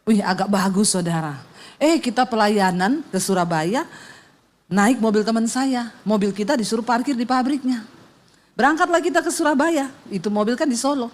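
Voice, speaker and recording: A middle-aged woman pastor tells a funny story in her sermon, animatedly acting out its sounds and voices with humor. Her voice is a little high and her pace moderate.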